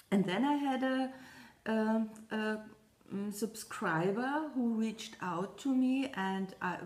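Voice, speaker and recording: Slow, halting woman vlogger in an echoey room. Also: medium pitch, darkish tone. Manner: rambling, halting, often apologizing. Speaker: cross-stitch vlogger. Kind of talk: casual chat to camera.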